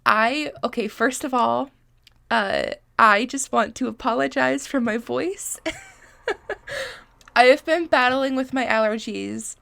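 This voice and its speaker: A podcast host in her twenties from Massachusetts, USA, sounds congested and sniffly as she chats on a casual solo podcast. Her voice is a little high, gravelly, and fairly bright, expressive but slow, on a dry recording. She's chatty, self-deprecating, and swears freely.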